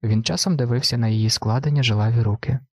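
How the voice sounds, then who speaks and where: A man reading a literary audiobook in a steady, unhurried narration. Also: medium pitch, dry recording, studio quality. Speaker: audiobook reader.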